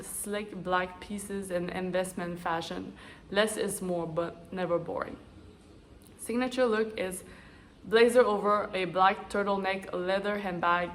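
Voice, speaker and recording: A woman's voice: medium pitch, a little hiss or hum. A woman with a stuffy, congested nose chatting to camera as an astrology and style vlogger. She runs through lists of traits and drifts into chatty personal asides. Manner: chatty, list-like delivery with asides. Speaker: astrology and style vlogger, energy-healing coach. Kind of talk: casual talk to camera, listing traits.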